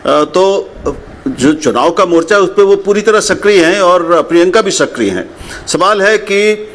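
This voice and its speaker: An older man commenting on a TV panel, speaking in a measured way with frequent pauses and "uh". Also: high-pitched, lively intonation, fairly bright tone. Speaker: political commentator. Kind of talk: TV panel discussion.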